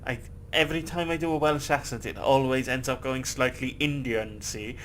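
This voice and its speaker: A gameplay video host, a man with a mid-range, slightly bright voice, rambles casually as he plays, swearing freely and laughing often. His intonation stays fairly even at a moderate pace, with slight background noise in the recording.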